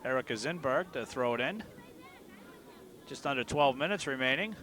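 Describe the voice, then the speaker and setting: A man doing play-by-play commentary for a high school soccer game from a booth, in a deliberately even, monotone delivery. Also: slight background noise. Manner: self-described monotone delivery. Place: press booth at an outdoor school field.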